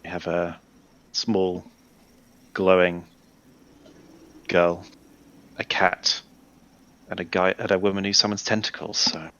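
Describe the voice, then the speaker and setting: A man's voice: low voice, level tone, slow, long pauses, fairly bright tone, highs cut off. A man casually playing his character in a tabletop role-playing game, wry and rambling. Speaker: player.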